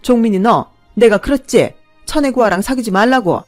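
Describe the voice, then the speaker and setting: Woman doing a shrill scolding mother-in-law. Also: lively intonation, normal speed, faint music behind, natural voice. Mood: scornful. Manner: shouting, scolding. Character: shrill scornful middle-aged mother-in-law.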